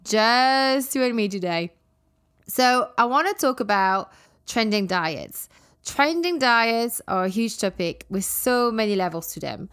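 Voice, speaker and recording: High-voiced woman podcaster with w-like R's. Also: animated, measured pace, fairly bright tone, clear, resonant tone. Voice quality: cannot say English R's properly, sounding close to w. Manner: emphatic, playful, blunt, repeats words for emphasis. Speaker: podcast host and women's health coach. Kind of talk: podcast monologue, addressing listeners directly.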